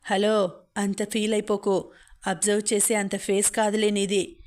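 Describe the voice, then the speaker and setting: A woman voicing a feisty, sharp-tongued rich young woman who scorns and threatens, in a storybook reading. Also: medium pitch, little pitch movement, measured pace, natural voice. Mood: scornful.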